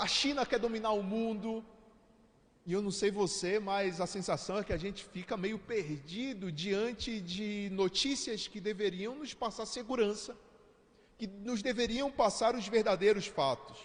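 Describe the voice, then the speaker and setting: A man's voice: sits high, long reverb tail. A man with a Brazilian Portuguese accent, preaching a sermon as pastor in a conversational way, speaking straight to his listeners.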